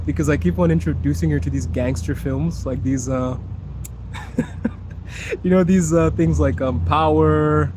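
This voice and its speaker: A man from Zimbabwe live-streaming as he walks outdoors, chatting casually and reading viewer comments aloud. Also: mid-range voice. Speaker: streamer and podcast host. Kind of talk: live-stream walking chat. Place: outdoors on city streets. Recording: noisy outdoor street recording. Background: traffic and street noise.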